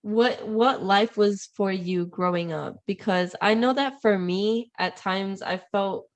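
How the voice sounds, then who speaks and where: A woman's voice: mid-range voice, takes it slowly. A woman from Puerto Rico hosting a podcast, chatting casually and switching between Spanish and English as she goes. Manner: chatty, mixes Spanish and English, laughs often. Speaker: podcast host. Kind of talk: casual conversation.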